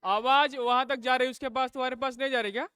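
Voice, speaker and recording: A male teacher runs a live classroom lesson. His voice is very high and bright, and it comes through dry and close. He drills students with repeated questions and snaps at whoever talks. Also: steady tone, quick pace, clear, resonant tone, dry recording. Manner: drills class with call-and-response questions, scolds noisy students.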